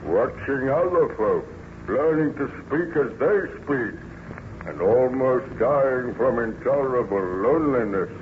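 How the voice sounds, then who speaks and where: A man's voice: mid-range voice, expressive, measured pace, natural voice. A man playing a lonely, bitter, menacing monster in an old-time radio horror drama, with solemn, declamatory delivery. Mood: anguished. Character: lonely, bitter, menacing male monster who learned to speak. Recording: muffled, noisy vintage radio recording.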